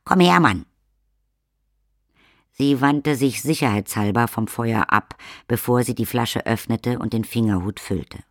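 A man reading the narration of a fantasy audiobook in a measured storytelling manner. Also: medium pitch, dry recording, studio quality. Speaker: audiobook reader. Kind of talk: scripted narration.

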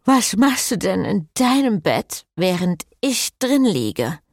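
A woman's voice: medium pitch, sing-song, slow, darkish tone, no echo, clean studio sound, heavily acted. A woman voicing a hungover, teasing young woman in an audiobook scene, drowsy and blunt.

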